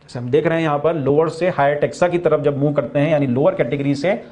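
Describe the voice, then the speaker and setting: Indian man teaching biology, a bit high. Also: darkish tone. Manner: explains in Hindi, then slowly restates key points in English. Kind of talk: recorded classroom lecture.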